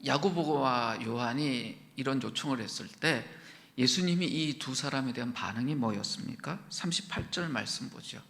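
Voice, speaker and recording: In a reverberant church sanctuary, a male pastor preaches at normal speed with a medium-pitched, creaky, slightly bright voice. He peppers the congregation with questions, performs quoted speech, and at times lowers to a whisper.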